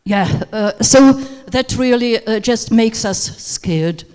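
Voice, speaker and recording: A teacher trainer whose first language is Russian gives a workshop lecture, her slightly high voice smooth, darkish, and slow. Her speech is hesitant and packed with fillers. The handheld microphone in the seminar room records hall reverb.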